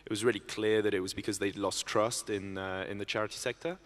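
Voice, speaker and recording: A man's voice: lowish voice, steady tone, fast talker, a bit bright. A man speaking as a panelist in a conference discussion, often hesitating and restarting his sentences. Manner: hesitant, many restarts and ums. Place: conference stage. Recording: reverberant conference hall.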